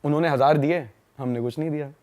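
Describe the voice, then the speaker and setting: A young man from India, a podcast guest, telling stories in a fast, slangy, casual way and laughing along. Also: fairly high pitch, mellow. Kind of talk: casual storytelling chat.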